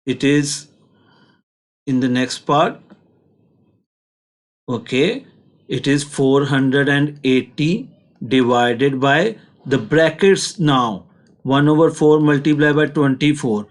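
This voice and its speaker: A man's voice: mid-range voice, takes it slowly, long pauses. A man with a Pakistani accent teaching a maths lesson step by step, in a patient, instructional way.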